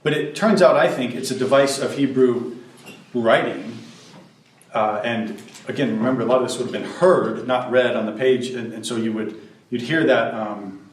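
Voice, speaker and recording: A man's voice: medium pitch, fairly even intonation, normal speed. A man giving a conversational sermon and thinking aloud, with fillers and restarts. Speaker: preacher. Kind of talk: sermon teaching. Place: church hall. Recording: roomy, from a distance.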